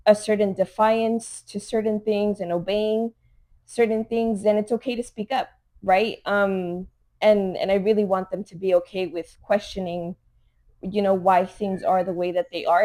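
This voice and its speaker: A Los Angeles mother of three co-hosts a casual podcast, her medium-pitched, dark-toned voice earnest and conversational. She fills her speech with "like" and "you know."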